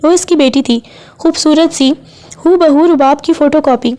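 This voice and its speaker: A woman narrating a romance novel aloud in a steady, even storytelling read. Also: high voice.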